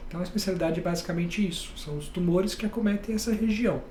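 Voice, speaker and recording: A man from Bahia, a head and neck surgeon, calmly explaining his specialty step by step on a podcast. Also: high voice, very fast, roomy sound, a little hiss or hum. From Bahia, Brazil. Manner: calm, explains step by step with plain examples.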